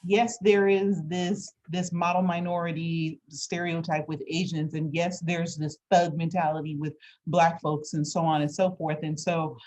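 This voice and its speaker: A woman interviewer talking conversationally, explaining her thoughts in a deliberate, halting, reflective way. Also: low-pitched, little pitch movement, a little mellow, a little hiss or hum, poor audio.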